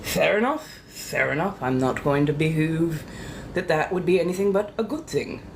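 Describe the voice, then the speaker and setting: Speaking to her followers on a livestream, this woman keeps things casual yet theatrical, coy, and old-fashionedly ladylike, playfully repeating her phrases. Her deep, gravelly voice moves at a moderate pace over background noise.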